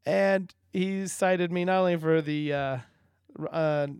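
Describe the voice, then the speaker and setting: A man's voice: on the high side, fairly even intonation, unhurried, darkish tone, clear, resonant tone, dry recording, clean studio sound. A man co-hosting a casual podcast, telling a rambling story and laughing often. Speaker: podcast co-host. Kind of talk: casual chat.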